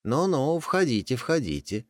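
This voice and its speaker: A man's voice: mid-range voice, sing-song, unhurried, no room sound, studio quality, voice pushed up. A man voicing a clever, bold tomcat in a folk tale, coaxing the other animals in a raised voice.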